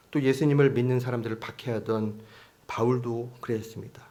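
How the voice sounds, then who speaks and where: A man's voice: mid-range voice, darkish tone. Male pastor, conversational sermon in a church, acts out quotes, engages the congregation with questions. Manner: conversational preaching with acted-out quotes; asks the congregation questions often.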